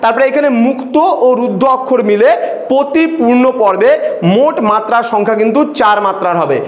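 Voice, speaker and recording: A man's voice: very high voice, normal speed. Male tutor, classroom lesson, patient, repeats points, echoey room. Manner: patient, asks the students questions and repeats points.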